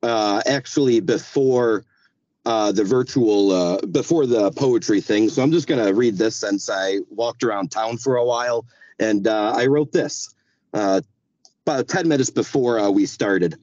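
A man's voice: on the low side, measured pace, a little mellow, no echo, highs cut off. A man speaking over a group voice chat from inside his car. He talks loosely with many fillers, then reads his poem aloud. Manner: loose and chatty, many likes and uhs. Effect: heard over a group voice chat. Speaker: poet reading his work.

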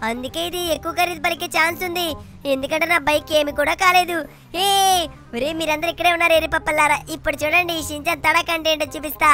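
A woman voicing a cheeky, mischievous little boy who shouts and brags while playing a video game. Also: high-pitched, fairly even intonation, fast talker, faint music behind. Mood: excited boasting. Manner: shouty, bragging, teasing. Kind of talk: GTA game play-along voicing.

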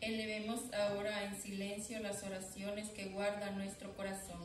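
A woman reading the prayer intentions as lector in a church sanctuary, in a steady, even reading. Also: medium pitch, moderate pace. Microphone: far camera. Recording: echoey church from far off, background noise.

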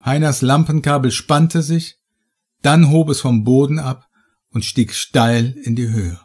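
A man reading first-person horror audiobook narration in a measured, dramatic way. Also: medium pitch, fairly even intonation, a little mellow, husky.

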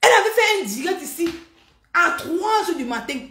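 A woman hosting a live stream, talking in an animated, mocking, repetitive way. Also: very high-pitched, normal speed, echoey room. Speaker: livestream host. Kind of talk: heated live-stream rant.

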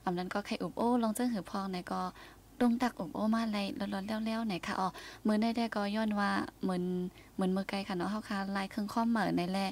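Fast-talking woman radio host. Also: medium pitch. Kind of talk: casual radio talk.

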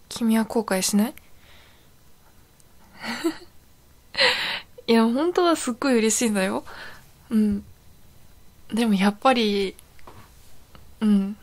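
A woman acts out a young girlfriend in an intimate audio role-play, with a fairly high voice. She is softly clingy and devoted, with a sweetness that feels eerily obsessive and possessive. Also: normal speed, pauses often. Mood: touched, uneasy.

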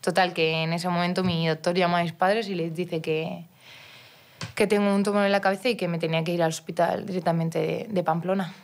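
A woman's voice: lowish voice, little pitch movement, brisk. A young woman from Mallorca, a guest on a podcast, telling a personal story in casual chat with frequent restarts and quoted dialogue. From Mallorca, Spain. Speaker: guest, professional footballer.

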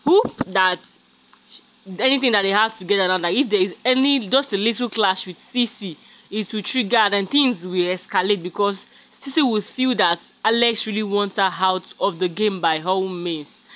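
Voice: mid-range voice, moderate pace, bright, forceful tone. A host giving a chatty, casual gossip recap of a reality show, talking straight to the viewers. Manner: chatty, calls viewers "guys", many fillers.

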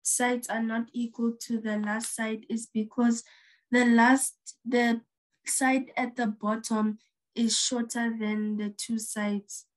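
Hesitant young woman answering her teacher slowly. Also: fairly high pitch, flat delivery, low-quality recording. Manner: hesitant, polite, calls the teacher ma'am. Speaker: student.

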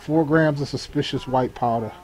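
On a rough recording with a little hiss or hum, a man speaks at a moderate pace in a slightly mellow mid-range voice. Playing a sheriff's deputy in a police patrol role-play, this gamer improvises radio call-outs, blending clipped jargon with casual muttered asides. Game vehicle and ambient sounds are in the background.

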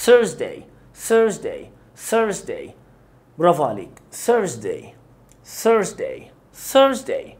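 A man with an Egyptian Arabic accent teaching English pronunciation, slowly repeating each word many times for learners. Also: high-pitched, very animated. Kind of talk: pronunciation lesson.

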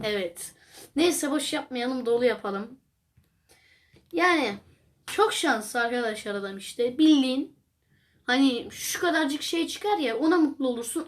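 Young woman, high voice, rambling reaction-video host, exclaims often. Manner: chatty, rambling, exclamatory, addresses viewers as friends. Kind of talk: casual reaction commentary.

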